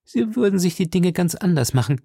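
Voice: medium pitch, lively intonation, a little fast, mellow, breathy edge, no room sound, studio quality, pitched above the performer's own voice. Pompous boastful musketeer, as a reader puts him on. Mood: affronted. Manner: pompous, self-pitying. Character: vain boastful male musketeer, pompous nobleman. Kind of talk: audiobook character reading.

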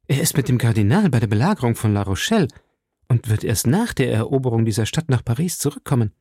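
A man voicing a cold, cunning noblewoman in an audiobook, speaking low and measured with a probing edge. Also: big pitch swings, warm tone, breathy edge, no room sound, clean studio sound. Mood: guarded. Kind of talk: audiobook reading.

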